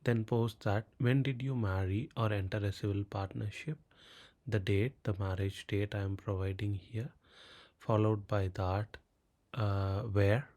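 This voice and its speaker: In a fairly low, darkish voice with fairly even intonation and a measured pace, a native Tamil speaker narrates a step-by-step screen tutorial. His Tamil Indian accent comes through the clipped voice-over as he reads out questions and answers each one.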